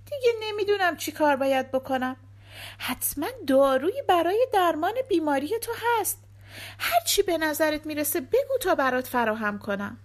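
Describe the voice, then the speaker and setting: A scared young husband, as a woman reader puts him on begs in a tearful, rising voice. The voice stays high and swoops up with distress. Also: very animated. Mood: desperate. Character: frightened young husband, pleading.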